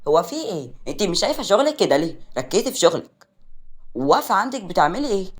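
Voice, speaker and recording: رجل يؤدي رئيسة خدم صارمة ومتسلطة. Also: male voice, sits high, sing-song, rapid-fire, breathy edge, pitched above the performer's own voice, heavily acted. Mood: stern. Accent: Egyptian. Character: strict head maid, bossy older woman.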